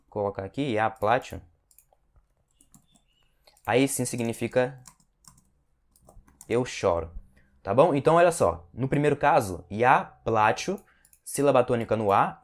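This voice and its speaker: Brazilian guy teaching russian, says words slow and over again, keeps asking tá?. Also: medium pitch. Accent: Brazilian Portuguese. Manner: explains slowly, repeats Russian words drawn out for practice; ends phrases with a checking "tá?". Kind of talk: language lesson.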